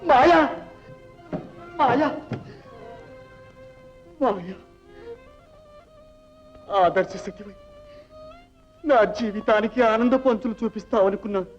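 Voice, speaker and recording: A man's voice: high voice, slow, pauses often, highs cut off, faint music behind. An actor playing a harried sage and father of many, scolding his children in exasperation, theatrical, on an old film soundtrack. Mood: pleading. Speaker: sage burdened with wife and children. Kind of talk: 1960s Telugu film acting.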